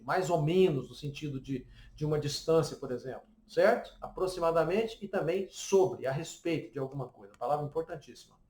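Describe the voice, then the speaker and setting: High-voiced Brazilian teacher, echoey room. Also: male voice. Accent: Brazilian Portuguese. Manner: explains patiently with frequent "né?" and "ok?" tags. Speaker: English teacher. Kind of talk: pronunciation lesson.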